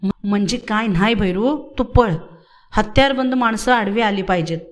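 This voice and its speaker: A woman's voice: mid-range voice, normal speed, lightly acted. Bold young village fighter, urgent and commanding, rustic talk, read by a woman in her own voice. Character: brave determined young village warrior man.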